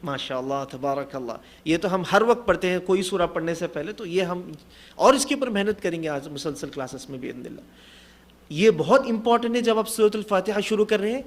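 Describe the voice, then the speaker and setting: A man teaching Quran recitation in a tajweed class, encouraging his students and demonstrating the verses in a slow, drawn-out chant. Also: sits high, expressive. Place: classroom in Jeddah.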